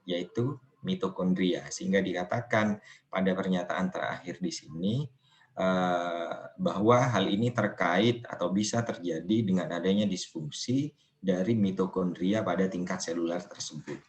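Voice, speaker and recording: Lecturer, male, low voice, measured and unhurried, online class, faint background hiss. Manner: slow, measured, asks students questions. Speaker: nursing lecturer.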